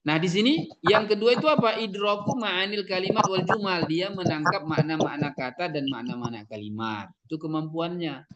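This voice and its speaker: A man's voice: high voice, moderate pace. A man training teachers in a lecture, explaining step by step and answering his own questions, with Arabic terms in an Indonesian accent. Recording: audience or crowd noise behind.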